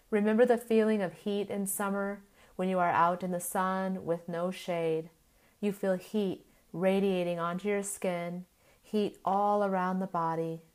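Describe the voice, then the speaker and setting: Guiding a yoga nidra session, this woman sounds like a gentle sleep story narrator, using short, measured phrases and long pauses. Her voice leans low.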